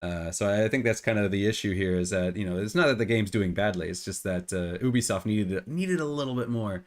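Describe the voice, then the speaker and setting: Fairly low-pitched but brisk, this phlegmy, cold-stricken middle-aged man co-hosts a laid-back gaming podcast. He frequently restarts, repeating words as he goes.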